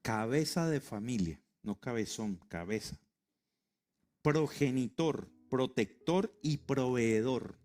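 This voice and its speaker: A man's voice: medium pitch, animated, takes it slowly, darkish tone. A middle-aged man preaching a sermon to his congregation, emphatic and joking, spelling out words for them. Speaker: pastor. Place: church sanctuary.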